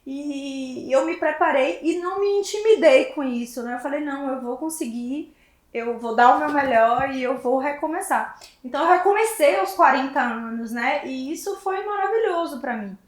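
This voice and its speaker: A woman's voice: high voice, normal speed. A woman, candidly telling her own story in a panel talk. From Bahia, Brazil. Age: 40s. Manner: candid, reflective, leaning on tag questions. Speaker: dermatologist guest. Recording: roomy echo.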